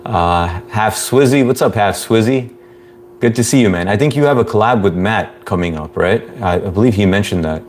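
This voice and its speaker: Greeting viewers and reading their comments aloud, a man in his thirties hosts a casual live stream. His fairly low voice stays monotone and laid-back at a normal speed, with frequent chuckles and slight background noise.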